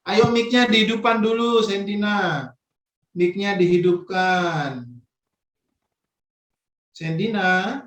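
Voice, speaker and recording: A man's voice: high-pitched, slow, pauses often, a bit bright. Coaxing man leading kids over an echoey call. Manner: coaxing, playful questioning of children. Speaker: Sunday school leader. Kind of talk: children's online worship Q&A. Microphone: video call.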